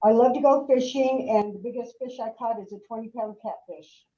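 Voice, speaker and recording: An older woman talking on a video call, relaxed and joking. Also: fairly high pitch, brisk, roomy sound, muffled recording. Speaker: webinar participant. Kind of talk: casual chat on a video call.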